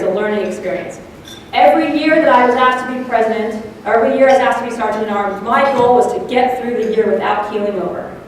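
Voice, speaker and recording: A woman's voice: on the high side, slight background noise. A woman, a district officer, gives an enthusiastic speech to club presidents at a breakfast event and asks the audience questions. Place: large room at an event. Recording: echoey hall, voice from far off.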